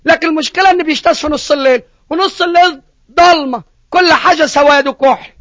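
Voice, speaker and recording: Egyptian man putting on a frightened little boy, high and fast, tearful, on dull lo-fi sound. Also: fairly bright tone, dry recording. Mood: fearful. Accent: Egyptian Arabic. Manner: tearful, fearful pleading. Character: frightened young firstborn boy, anxious.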